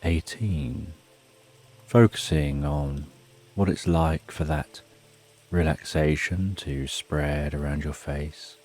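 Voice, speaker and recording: Man, extremely low husky voice, soothing bedtime narration, hushed and unhurried, soft music and rain behind. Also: fairly even intonation. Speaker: sleep story narrator and host. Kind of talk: slow guided relaxation narration for sleep.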